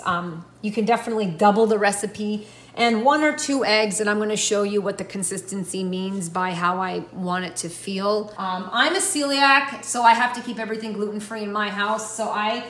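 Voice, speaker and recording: A woman's voice: mid-range voice, a bit bright, far from the mic. A woman in her thirties giving a chatty, instructive home cooking demonstration as a guest chef in her kitchen, talking while she works. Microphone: camera across the kitchen. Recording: echoey kitchen, voice from off-mic, faint noise.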